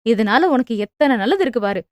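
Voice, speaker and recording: A woman voicing an anxious, talkative middle-aged mother who scolds quickly and defends herself. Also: fairly high pitch, expressive, dry recording, clean studio sound, close to an everyday voice. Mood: defensive scolding. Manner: fast, fretful, scolding.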